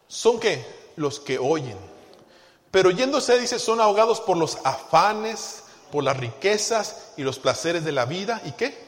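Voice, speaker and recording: Male pastor, high voice, long church reverb, call-and-response preaching. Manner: call-and-response questions to the congregation; swings from hushed to loud emphasis. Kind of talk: sermon. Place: church sanctuary.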